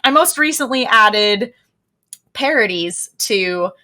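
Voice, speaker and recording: A woman's voice: mid-range voice, lively intonation, slow pace, bright, forceful tone. A young American woman, a streamer being interviewed over a video call, chatty and laughing often as she talks about herself. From United States. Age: young adult. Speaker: streamer guest. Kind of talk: casual podcast interview.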